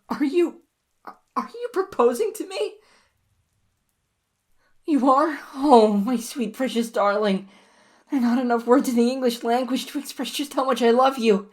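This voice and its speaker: A woman takes the role of an obsessive young lover who clings to the listener in an audio roleplay. She whispers huskily and pleadingly, using a bass voice with exaggerated delivery.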